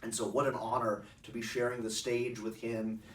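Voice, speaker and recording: A middle-aged man speaks in a roomy, echoing space, set back from the microphone. His medium-pitched voice is articulate and measured. He explains things informally, pausing as he finds the next phrase. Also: little pitch movement, slight background noise. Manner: measured, articulate, halting with pauses. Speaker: speaker introducing a recording of his own past oration. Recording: roomy echo, distant microphone.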